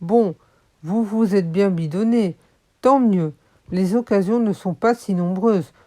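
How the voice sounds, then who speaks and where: A woman voicing a bold, self-assured new schoolboy who speaks loudly and firmly, in a children's audiobook. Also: mid-range voice, expressive, measured pace, natural voice. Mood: defiant. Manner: loud and firm.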